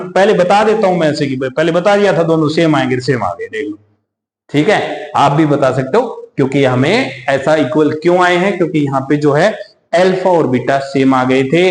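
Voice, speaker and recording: A man teaching a maths lesson in a coaching class, explaining each step patiently, calling his students "beta", and reading English problem text slowly. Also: fairly high pitch. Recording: echoey room.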